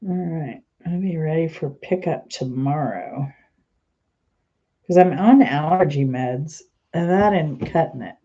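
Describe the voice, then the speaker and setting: A woman channel host rambles casually to camera, trailing off mid-sentence and sounding stuffy and congested. Her deep, mellow voice is a little slow with a breathy edge, and the highs in the recording are cut off.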